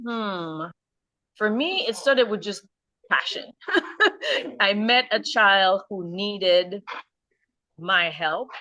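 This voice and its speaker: A woman's voice: medium pitch, expressive, very slow, long pauses, pushed and bright. Earnest Haitian-born woman, muffled recording. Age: middle-aged. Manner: earnest, thoughtful, with light laughs and restarts. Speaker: nonprofit founder and program director. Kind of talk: interview answers.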